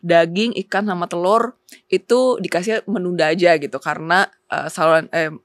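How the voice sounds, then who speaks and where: A woman's voice: lowish voice, moderate pace, no echo. A young woman, a company co-founder as a talk show guest, explaining with figures and many fillers, slipping in English words. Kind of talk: casual talk show interview.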